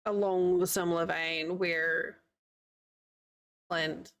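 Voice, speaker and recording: Here the New Zealand-born streamer, living in the United States, crochets at home and talks casually to her chat, rambling and often laughing. She has a lowish, fairly bright, clean voice with fairly even intonation and an unhurried pace.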